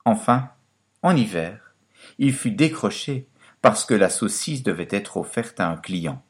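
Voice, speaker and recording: Man, fairy-tale narrator, very deep voice, lively pitch, expressive storytelling. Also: a little slow.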